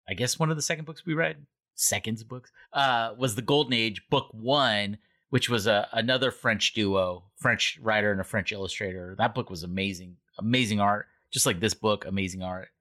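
A man co-hosting a casual book club podcast, talking in a rambling, animated way and often correcting himself. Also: medium pitch, normal speed. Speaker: podcast co-host.

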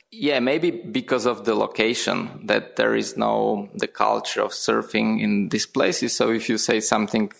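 Slow, gravelly young man from Slovakia. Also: on the low side, a bit bright. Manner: hesitant, repeats words. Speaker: guest, founder. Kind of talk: podcast interview.

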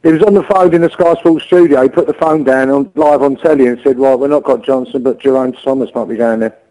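A man's voice: mid-range voice, steady tone, mellow. A man calling in to a phone-in show, chatting casually over a clipped phone line. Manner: quick and chatty, relaying news. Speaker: caller.

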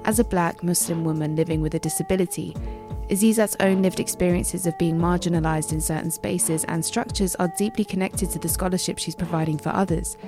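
A woman podcast host who reads composed scripted narration and asks measured interview questions. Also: on the low side, steady tone. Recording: voice over a clear music bed.

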